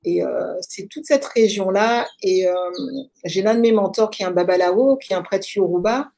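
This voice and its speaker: A woman with a French accent, talking as an interview guest and telling her story reflectively, with many pauses and fillers. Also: medium pitch, warm tone. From France. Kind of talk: casual conversational storytelling.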